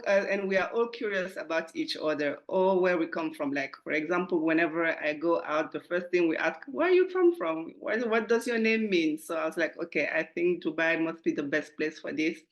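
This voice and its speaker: A woman from Guinea in West Africa, speaking with a Francophone West African accent in a lower voice, answers interview questions conversationally as a podcast guest. She is an entrepreneur and sounds enthusiastic, often chuckling as she talks.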